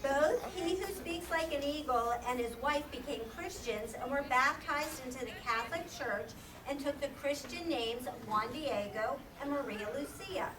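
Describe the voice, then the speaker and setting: Acting as narrator for a children's puppet show, a woman with a high voice reads out a scripted story. She was recorded from a distance in an echoey room, and background noise is clearly audible.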